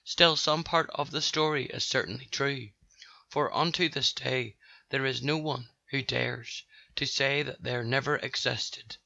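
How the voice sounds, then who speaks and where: A man's voice: medium pitch, unhurried, gravelly, dry recording. Male narrator for children's rhyming stories, dry and slightly muffled. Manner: steady sing-song rhyme.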